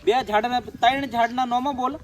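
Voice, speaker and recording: Woman w asking kids stuff outside, kinda high voice, patient coaxing. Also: steady tone, moderate pace, a little hiss or hum. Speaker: vlogger quizzing village children. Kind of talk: casual outdoor chat.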